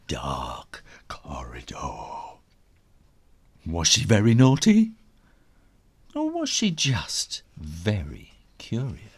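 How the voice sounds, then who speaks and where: A man with a bass voice and a breathy edge reads a children's storybook aloud dramatically. He builds suspense by stretching words, slipping into whispers, and playing with onomatopoeia and repetition.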